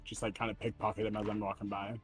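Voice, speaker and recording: A man's voice: fairly low pitch, little pitch movement, quick pace, soft background music, rough recording. A young man playing a tabletop game, eager and playful as he describes his moves. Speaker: player.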